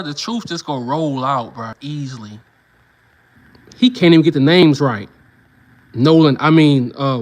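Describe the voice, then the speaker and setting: A young man reacts to a clip in loose slang, mocking and laughing as he acts out other people's reactions. His voice sits high and swings widely in pitch. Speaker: commentator reacting to a video. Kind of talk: casual reaction commentary.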